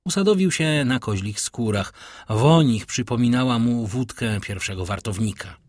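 A man narrating a classic novel in an expressive storytelling reading. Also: medium pitch, moderate pace, dry recording, clean studio sound. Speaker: audiobook narrator.

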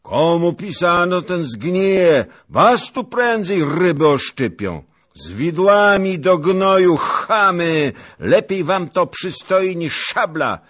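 A man voicing coarse Cossack warriors who shout taunts across the field in a high, strained voice. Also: very animated, slow, full character voice. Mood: jeering shout.

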